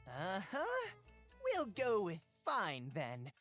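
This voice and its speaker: A woman's voice: mid-range voice, wildly swooping pitch, drawn-out words, faint music behind, exaggerated voice. A woman playing a mischievous teasing bard. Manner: playful mocking, rhyming, mock-archaic phrasing. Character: cheeky teasing male bard, mischievous and theatrical. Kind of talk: voice acting while reading a visual novel on stream.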